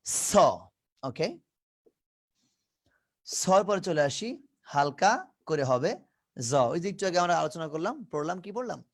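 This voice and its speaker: A man's voice: sits high, expressive, unhurried, pauses often. A man from Bangladesh teaching an English phonetics lesson, drilling each sound over and over and mixing English words into his talk. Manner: drills sounds by repeating them many times.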